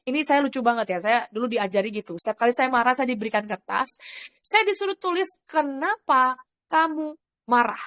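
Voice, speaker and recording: Female evangelist, lively storyteller preaching, high-pitched voice. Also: fast. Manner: lively storytelling, acts out quoted dialogue. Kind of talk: sermon with personal stories.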